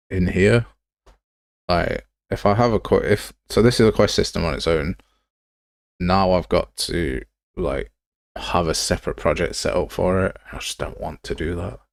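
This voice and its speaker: A man hosting a casual livestream speaks in a low voice with vocal fry at a moderate pace, grumbling and thinking through things aloud as he browses software assets. It's recorded in studio quality, free of room sound.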